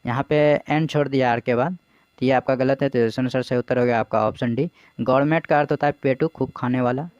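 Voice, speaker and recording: A man's voice: mid-range voice, steady tone, quick pace, a little mellow, clean tone, dry recording, highs cut off. A man teaching as an exam coach, explaining English vocabulary in Hindi, asking his own questions, answering them, and spelling words out letter by letter.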